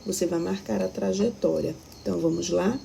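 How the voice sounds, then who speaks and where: A woman's voice: on the low side, brisk, creaky, dark tone, a little hiss or hum, rough recording. A Brazilian woman teaching a recorded primary school lesson, patiently explaining step by step and checking that the children follow. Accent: Brazilian Portuguese.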